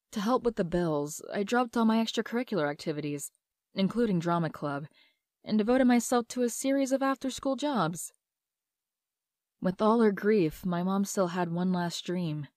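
A woman's voice: medium pitch, darkish tone, no room sound, clean studio sound, close to an everyday voice. A woman voicing Mary Jane, a fiery but guarded young woman, telling her story in a heartfelt, confessional way in a comic dub. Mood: wistful. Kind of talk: comic dub narration and dialogue.

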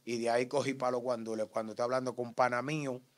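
A man with a Dominican accent giving an interview testimony in street slang, acting out shouts and gunshots as he tells it. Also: mid-range voice, quick pace, dry recording. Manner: animated, acts out shouts and gunshots.

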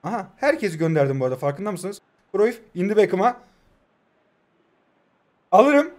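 A high-pitched young man in his twenties talks at a moderate pace while playing a football game on his phone. He keeps up excited, jokey commentary, teasing himself as well as his viewers.

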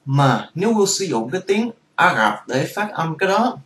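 A man's voice: a little high, big pitch swings, moderate pace, a bit bright. Echoey man teaching pronunciation. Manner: explains patiently, repeating and demonstrating each sound. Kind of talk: casual vlog lesson.

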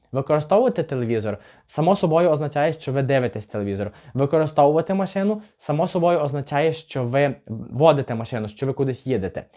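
A young man teaching a beginners' English lesson, explaining grammar and slowly modelling example sentences for learners to repeat. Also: medium pitch, darkish tone. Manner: slow, careful model pronunciation of example phrases.

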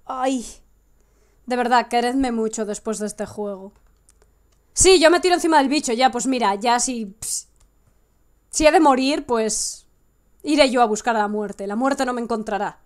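A young woman with a Spanish accent giving excitable live gameplay commentary, swinging from hushed coaxing to sudden shrieks. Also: fairly high pitch, moderate pace, long pauses. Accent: Spain Spanish. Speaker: gaming streamer.

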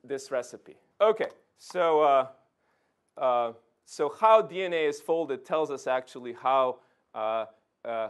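Standing next to a projection screen in an indoor lecture room, a physics professor gives a relaxed public science talk. He's a middle-aged man from Serbia, in the former Yugoslavia, with a mid-range voice, and he keeps a conversational tone, checking in with his audience through "okay" and "right."

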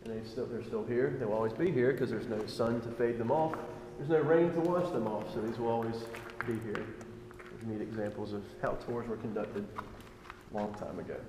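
Guy leading a cave tour, big cave echo, kinda noisy recording, relaxed jokey commentary. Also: mid-range voice, normal speed. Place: large underground cave, heard from a visitor's camera. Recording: echoey cave, distant, noisy.

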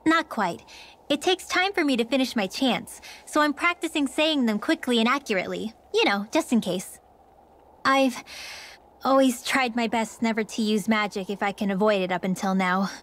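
A woman's voice: on the high side, moderate pace, a bit bright, lightly acted. A woman voicing an earnest, guarded young female mage in a video game.

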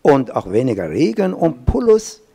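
A man in his fifties from Iran, speaking German with an Iranian accent on a panel, with halting restarts and fillers, holding a handheld mic. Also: on the high side, wildly swooping pitch, vocal fry, mellow, husky. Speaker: professor, panel guest. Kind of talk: panel discussion. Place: small event studio with glass wall.

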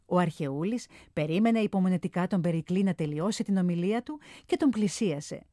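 A woman reading a children's storybook aloud in a clear, expressive narrating voice. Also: lowish voice, no room sound, clean studio sound.

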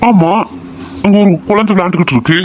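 A man voicing a young husband in an animated family drama, hurried, alternately coaxing and scolding his crying wife. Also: high voice, slight background noise, lightly acted. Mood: impatient coaxing. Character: young husband, impatient and embarrassed.

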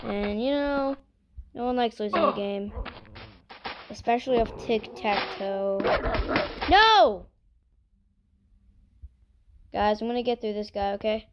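A woman chatting casually while she plays a video game, exclaiming at mishaps and apologizing for yelling. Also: medium pitch, steady tone, normal speed. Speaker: gameplay streamer. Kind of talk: casual gameplay commentary. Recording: noisy home recording.

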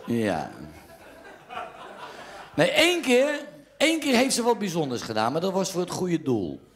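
A man's voice: fairly high pitch, fairly quick. A man with a Dutch accent telling jokes as a stand-up comedian, raising his voice whenever he quotes someone. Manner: lively storyteller who raises his voice for quoted lines. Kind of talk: joke telling.

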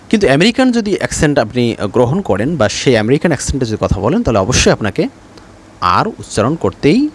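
A man teaching English pronunciation in a spoken lesson, hesitant with fillers, repeating example words slowly. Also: mid-range voice, a little hiss or hum.

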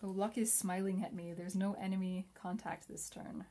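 A young adult woman playing a solo board game and then reviewing it. She mutters quietly while she plays and turns chatty and upbeat when she reviews. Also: mid-range voice, steady tone, moderate pace.

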